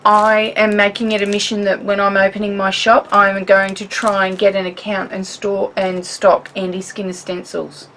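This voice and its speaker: A woman with an Australian accent chatting in a home craft vlog, animated and rambling, laughing often as she shows things. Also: medium pitch, moderate pace, hardly any pauses, a little hiss or hum, low-quality recording. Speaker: craft vlogger. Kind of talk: chatty show-and-tell vlog.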